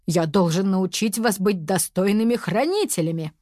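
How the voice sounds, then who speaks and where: A woman's voice: mid-range voice, moderate pace, dark tone, dry recording, studio quality, close to an everyday voice. A woman voicing a fussy, preachy male mentor in a storybook reading, lecturing and grumbling. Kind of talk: storybook character voice.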